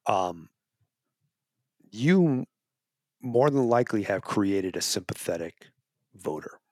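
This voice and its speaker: A man's voice: lowish voice, animated, takes it slowly, a little mellow, no room sound, studio quality. A man being interviewed as a wildlife advocacy guest, talking in an earnest, persuasive way and often restarting his phrases. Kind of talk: casual interview talk.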